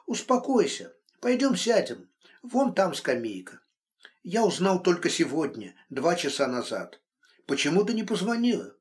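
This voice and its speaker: A man's voice: sits high, very animated, measured pace, pitched above the performer's own voice. A man voicing a stern, worried man who scolds and comforts a friend brusquely. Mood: exasperated. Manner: brusque, exasperated.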